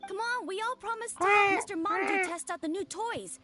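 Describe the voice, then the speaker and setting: Very high-voiced eager child. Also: female voice, a little fast, sharp tone, faint music behind. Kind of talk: anime-style game voice acting.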